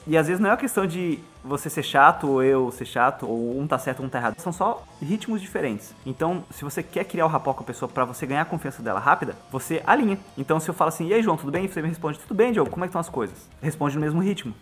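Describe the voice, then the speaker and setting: Brazilian male musician guest, rapid and lively, playacts conversations; slightly high voice. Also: faint music behind. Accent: Brazilian Portuguese. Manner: fast, animated, acts out dialogue. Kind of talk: casual podcast conversation.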